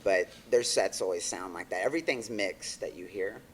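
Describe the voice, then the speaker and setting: A man's voice: low voice, moderate pace, crowd noise. A man in his thirties from Texas with a faint Texan accent, a record label guest rambling casually with many fillers and restarts. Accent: Texan, mostly faded. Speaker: guest, record label owner and artist manager. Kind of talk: casual podcast chat.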